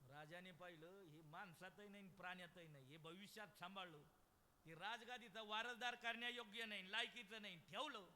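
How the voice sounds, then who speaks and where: A man from Maharashtra preaching a live devotional sermon. He tells the story dramatically, swinging from hushed asides to loud exclamations, and keeps asking the crowd questions before answering them himself. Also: high voice, normal speed. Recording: echoey hall, faint background noise.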